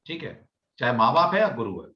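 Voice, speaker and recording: A man's voice: medium pitch, very animated, fairly quick. A man who teaches speaks earnestly, giving advice during a casual panel chat. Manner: earnest, advising. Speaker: teacher, webinar host. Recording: echoey, dull sound.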